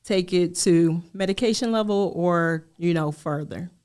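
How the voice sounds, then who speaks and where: A middle-aged woman shares her story as a podcast guest, taking her time over each phrase. Her voice sits somewhat low and comes through smooth and clear, in a measured, open manner. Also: darkish tone. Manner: slow, measured, candid. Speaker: guest, life coach. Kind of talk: podcast interview.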